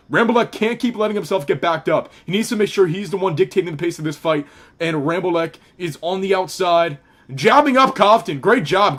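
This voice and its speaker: A young man giving live, excitable play-by-play commentary on a fight, with frequent restarts and fillers. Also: a little high.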